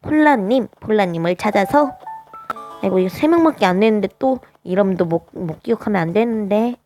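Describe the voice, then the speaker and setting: A woman with a naturally high voice, chatting casually as she plays a life-sim game, hesitant and full of little filler sounds. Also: brisk, darkish tone, faint music behind. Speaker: game streamer. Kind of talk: casual gameplay commentary.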